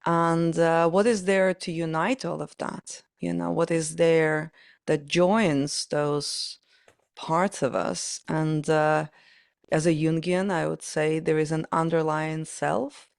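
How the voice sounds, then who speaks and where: A Ukrainian-accented woman in her forties, a pianist and performance coach, appears as a podcast guest, reflecting and telling stories. Her voice sits low and steady, smooth and unhurried, in studio-quality audio with no echo.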